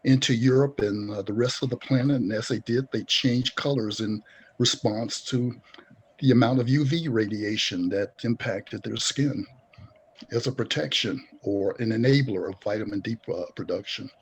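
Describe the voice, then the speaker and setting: A man leading a group discussion, speaking thoughtfully and pausing often with fillers. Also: fairly low pitch, husky. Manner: thoughtful, halting with many fillers. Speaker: discussion host.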